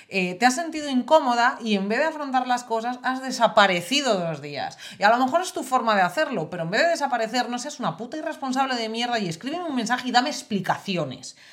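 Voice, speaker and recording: A woman from co-hosting a podcast, chatting casually in a blunt, emphatic way and swearing freely. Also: medium pitch. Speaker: podcast co-host. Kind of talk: casual chat.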